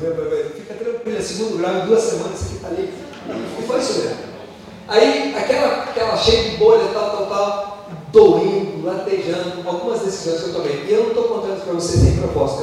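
A Brazilian man preaching a sermon, telling personal stories in an animated, joking way. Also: high-pitched, slight background noise. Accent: Brazilian Portuguese. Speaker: pastor. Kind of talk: storytelling sermon. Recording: echoey hall from far off.

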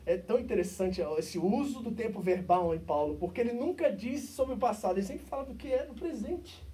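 A man with a Brazilian accent preaching a sermon as pastor, moving between loud, emphatic stretches and quiet, intimate asides. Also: high-pitched, animated, fairly quick, distant mic. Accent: Brazilian Portuguese. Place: church service.

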